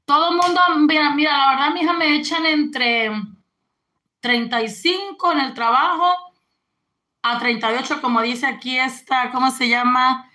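A woman's voice: high-pitched, fairly even intonation, moderate pace, pushed and bright. A woman, chatting casually on a live stream and greeting viewers. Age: 40s.

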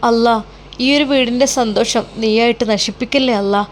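A woman playing an anxious older mother in a storybook tale, praying and pleading in a fretful, slightly high voice. Her colours every worried word. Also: fairly even intonation, normal speed, a little hiss or hum, lightly acted.

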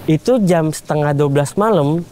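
A young man recounts a story in relaxed street slang. His voice is mellow and sits at a middle pitch, and he jumps into the quoted voices of the people in the tale. A faint hiss of room noise stays underneath him. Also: normal speed. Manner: animated retelling in casual Jakarta slang, acts out quoted voices. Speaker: guest storyteller. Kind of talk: casual storytelling.

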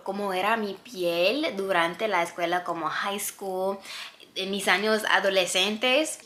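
A woman's voice: medium pitch, pushed and bright. A young woman vlogger telling a candid personal story, mixing in English words. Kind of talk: storytime narration.

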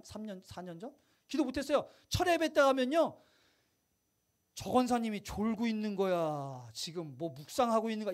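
A male pastor giving a lively, conversational sermon in church, often putting rhetorical questions to the congregation. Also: very high-pitched. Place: church sanctuary.

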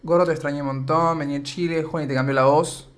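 Speaking quickly and smoothly in a steady, somewhat high tone, a young Argentine man talks on a live stream. He rambles in a chatty way, reads the chat out loud, and his voice seems slightly tired.

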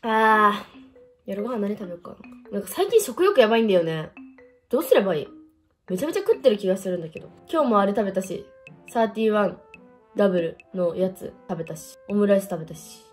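A woman's voice: mid-range voice, expressive, quick pace, faint music behind. A woman of about twenty talking casually to camera as a vlogger, rambling with lots of fillers and playful self-mocking asides. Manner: rambling, chatty, with frequent fillers. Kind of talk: casual solo chat to camera.

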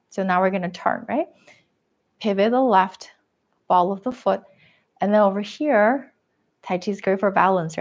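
A woman teaching a live tai chi class at home, giving gentle step-by-step cues with a quick "right?" or "okay?" between them. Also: mid-range voice. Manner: gentle guiding cues with frequent "right?" and "okay?", self-deprecating laughs. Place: living room at home. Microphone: webcam and room mic while moving around.

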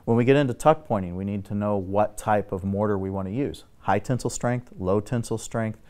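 A middle-aged man, a guest expert on building exteriors, explaining repairs in a steady, technical, instructive way on a studio talk show set. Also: on the low side, fairly quick.

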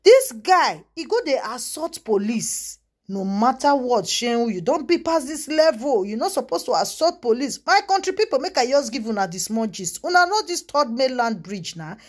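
Chatting casually to her audience, this vlogger spills gossip in a Nigerian Pidgin accent, punctuating it with loud exclamations, repeated asides, and frequent call-backs to viewers. Her slightly high female voice swings widely in pitch while keeping a normal speed.

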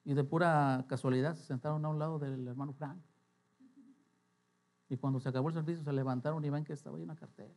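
High-voiced man preaching a sermon. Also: fairly even intonation, quick pace, a little mellow. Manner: storytelling with quoted voices, rising to emphatic preaching. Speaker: pastor. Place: church.

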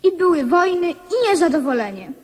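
A young boy king speaks in a high voice with animated intonation. He is earnest and resolute, making solemn declarations in radio drama style. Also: moderate pace.

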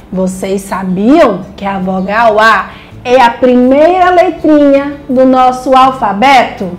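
Slow sing-song woman teaching children. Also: on the high side. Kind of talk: children's lesson.

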